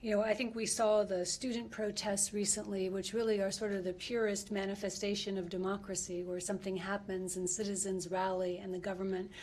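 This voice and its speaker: Woman official at a press briefing, mid pitch, careful policy talk, lots of pauses to find the word. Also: little pitch movement, a little mellow, a little hiss or hum.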